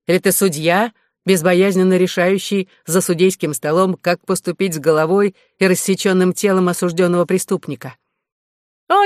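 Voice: medium pitch, no echo, clean studio sound, natural voice. A reader voicing an affected, pompous English knight who talks in florid, mannered phrases. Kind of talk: audiobook reading.

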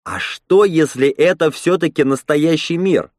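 A man's voice: on the high side, big pitch swings, measured pace, no echo, clean studio sound, voice pushed up. A man reading a story, voicing an anxious young man who questions the leaders from the crowd. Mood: doubtful.

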